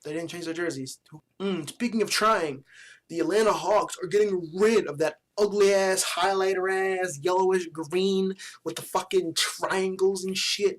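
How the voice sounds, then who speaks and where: A man casually reviewing new basketball jerseys in a vlog, with blunt opinions, plenty of swearing and loose slang. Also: a little high. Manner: blunt, profane, joking opinions; relaxed slangy talk. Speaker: sports vlogger.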